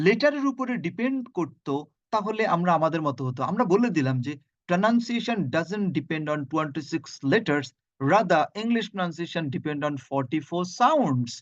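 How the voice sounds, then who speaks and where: This is a middle-aged man with a Bangladeshi accent and a high-pitched voice. He teaches phonetics online via video call, drilling pronunciation sound by sound, spelling out sounds and repeating words slowly. The audio has no echo but sounds muffled.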